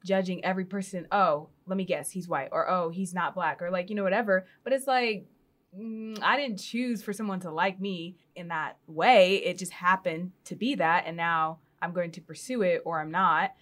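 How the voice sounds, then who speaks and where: A young woman hosts a casual interview podcast, talking in a relaxed, chatty way and dropping in filler words as she goes. Her voice sits a little low for a woman. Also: normal speed. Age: young adult. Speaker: podcast host.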